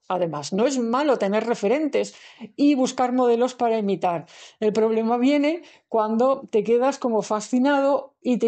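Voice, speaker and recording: A woman's voice: a little high, warm tone. A woman, giving a spiritual lesson in a reflective way and thinking aloud with fillers and restarts. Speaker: spiritual teacher. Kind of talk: recorded lecture on the soul.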